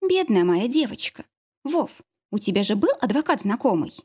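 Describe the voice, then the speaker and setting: A woman's voice: fairly high pitch, sing-song, moderate pace, a little mellow, breathy edge. A woman voicing a worried, loving middle-aged mother in an audiobook, speaking in a fussing, soothing way. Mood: anxious. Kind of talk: audiobook character reading.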